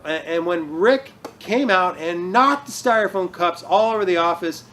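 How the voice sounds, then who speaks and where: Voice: mid-range voice, animated, normal speed, a bit bright, a little hiss or hum, natural voice. A person playing an office manager who leads a tour in a mockumentary comedy, talking hesitantly with many fillers and restarts.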